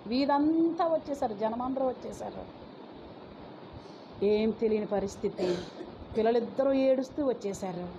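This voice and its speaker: A woman's voice: on the high side, unhurried, long pauses. A woman, a pastor's wife, telling a dramatic testimony in a sermon and scolding her listeners. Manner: scolding, dramatic storytelling with acted quotes. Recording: dull lo-fi recording with faint noise.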